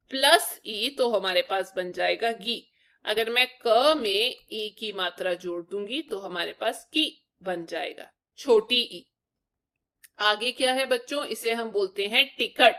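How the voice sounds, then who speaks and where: A woman's voice: medium pitch, sharp tone. A young woman teaching young children to write letters, explaining each step patiently and asking them questions. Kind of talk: children's Hindi lesson.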